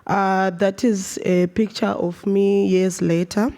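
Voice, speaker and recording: Speaking slowly and flatly, with a warm, medium-pitched voice, a Zimbabwean woman tells a heartfelt personal story on stage at a live storytelling event. She often starts her sentences over and uses fillers along the way.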